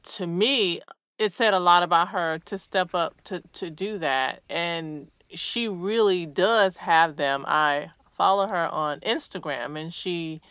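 A woman's voice: on the low side, slow pace, a bit bright, clean tone, no room sound. A woman co-hosting a casual chat, asking questions and laughing easily. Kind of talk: casual chat about a reality show.

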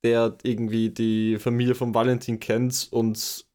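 A man's voice: medium pitch, completely flat delivery, unhurried, darkish tone. A young man chats on a casual podcast. He fills in details and explains what really happened, in an easy, matter-of-fact way. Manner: explains and sets the record straight. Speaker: podcast co-host. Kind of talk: casual chat.

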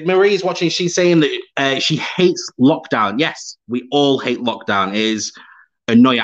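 Reading viewer comments aloud with frequent laughter, this upbeat British podcast host chats through a live stream. His voice is medium-pitched and a bit bright, captured in slightly dull lo-fi sound.

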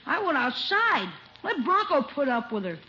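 A man's voice: extremely high pitch, very animated, moderate pace, sharp tone, exaggerated voice. A man playing a cheeky, wisecracking American schoolboy nephew in an old radio comedy. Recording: dull noisy vintage radio recording.

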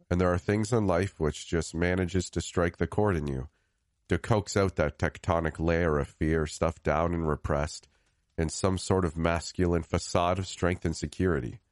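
A man reading a scripted first-person horror story in a grave, measured way, lifting the start of each new phrase. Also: deep voice, no echo, clean studio sound. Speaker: storyteller narrator.

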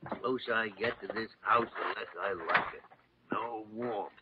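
An actor playing a gruff, sardonic older male hospital doctor set in his ways, in 1950s radio drama style. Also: on the low side, steady tone, normal speed, lightly acted. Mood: grumbling. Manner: grumbling, sardonic. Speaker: senior doctor. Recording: dull old radio broadcast with faint hiss.

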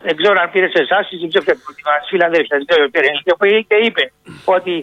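A man calling in about his dogs, talking in a rambling, halting way that keeps repeating itself. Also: high voice, no echo, highs cut off. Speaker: caller, dog owner. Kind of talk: phone conversation.

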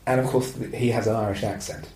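A man's voice: medium pitch, fast talker, roomy sound, rough recording. A man hosting a podcast who discusses a film in a casual, rambling way with plenty of fillers. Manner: rambling, animated, with frequent fillers. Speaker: podcast host.

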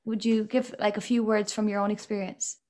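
A woman's voice: medium pitch, level tone, fairly quick, darkish tone. A woman with a Galway accent from the west of Ireland, hosting a casual interview in a hesitant, stop-start way. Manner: hesitant, many ums and broken-off phrases. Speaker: podcast host.

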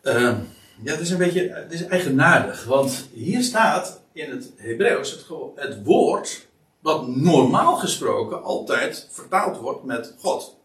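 A man's voice: fairly high pitch, very animated, slow pace, fairly bright tone. A man explaining a Bible passage in a hesitant, exploratory way, with frequent fillers and restarts. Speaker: Bible teacher. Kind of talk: explanatory Bible study talk. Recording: echoey room, distant mic.

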